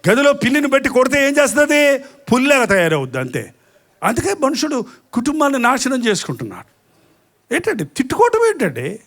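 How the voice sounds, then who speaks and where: A man preaches in a very high voice. He keeps asking the congregation questions, and he acts out both sides of quarrels as he makes his points. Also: wildly swooping pitch, fairly quick, fairly bright tone. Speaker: pastor. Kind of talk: sermon.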